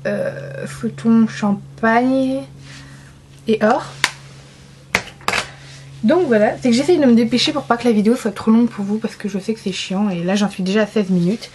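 A woman's voice: fairly high pitch, mellow, a little hiss or hum. A young woman from France chatting casually through a makeup swatch review, enthusiastic and self-mocking. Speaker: beauty vlogger.

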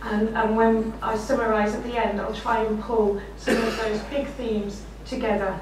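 A middle-aged woman with a slightly croaky, somewhat high voice gives a conference keynote from behind a desk in a lecture room, sharing warm, self-deprecating anecdotes and often laughing as she talks. Her pitch barely moves and her pace is normal. A distant room mic captures her with echo and background noise.

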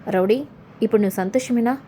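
A woman's voice: mid-range voice, fast talker, dark tone, slight background noise, close to an everyday voice. Woman voicing a firm young husband and father.

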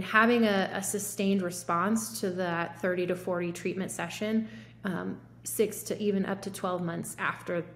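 A woman in her thirties, a physician appearing as a guest, talks through treatment options in a relaxed, conversational medical discussion full of fillers. Her voice is medium-pitched and gravelly. She's on a video call from her home office using a laptop or webcam mic, so the audio sounds roomy with faint noise.

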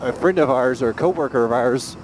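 A man with a medium-pitched voice chats casually from inside a motorcycle helmet. He is vlogging as he rides on a highway, and clear road and vehicle noise runs behind his voice. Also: fairly quick, a little mellow, low-quality recording. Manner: talking from inside a motorcycle helmet while riding. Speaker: motovlogger. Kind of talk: casual vlog narration while riding. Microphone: mic inside a helmet.

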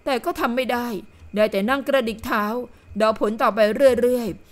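High-voiced woman narrating a novel. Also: normal speed. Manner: steady storytelling. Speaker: audiobook narrator. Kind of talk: scripted narration.

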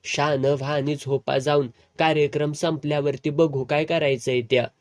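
A man's voice: a little high, flat delivery, normal speed, dry recording, close to an everyday voice. A drunk, belligerent rustic man with a raised, pushy voice, as a storyteller puts him on. His talk is slurred and quarrelsome, and the recording is close and dry.

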